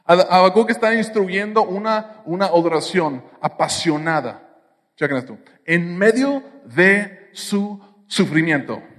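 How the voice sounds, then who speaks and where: A man's voice: high voice, expressive, measured pace, a bit bright, long reverb tail. A man with a Mexican accent preaching a sermon, with playful jokes and asides to the congregation. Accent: Mexican Spanish. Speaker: pastor.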